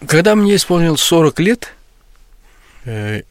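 A man's voice: fairly high pitch, big pitch swings, measured pace, no echo, studio quality. An older writer, a guest on a radio interview, recalling his past with many fillers and restarts.

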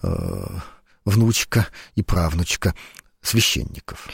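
A man's voice: low-pitched, slow pace, husky, no room sound, clean studio sound. A man in his forties, a guest lecturer on a radio talk show, speaking thoughtfully with frequent fillers. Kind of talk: radio interview. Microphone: studio microphone.

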